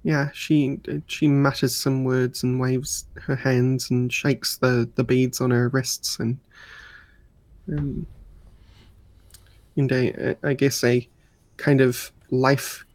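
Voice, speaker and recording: A man plays a tabletop game, narrating his character in a casual way. He speaks slowly, and the sound is close and dry. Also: mid-range voice, little pitch movement, no room sound.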